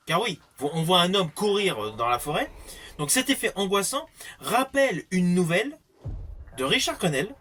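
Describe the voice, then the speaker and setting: A man with a high, pushed and bright voice narrates a scripted movie review. He explains things using emphatic phrasing.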